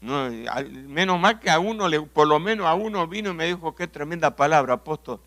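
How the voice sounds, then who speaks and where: A man from Argentina with an Argentine accent preaching a sermon, telling stories, asking rhetorical questions and often clearing his throat. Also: a little high, brisk, pushed and bright. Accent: Argentine Spanish. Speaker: pastor.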